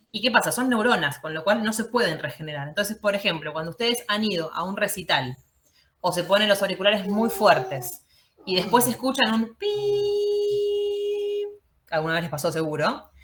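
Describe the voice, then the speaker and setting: A woman teaching an online class, explaining step by step and often checking in with a quick "¿sí?". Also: medium pitch, fairly bright tone. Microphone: video call.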